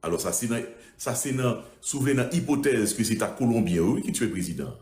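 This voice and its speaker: A man's voice: mid-range voice, fairly quick, roomy sound. A man retelling a court testimony in casual talk, repeating phrases as he goes. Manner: repetitive, animated retelling.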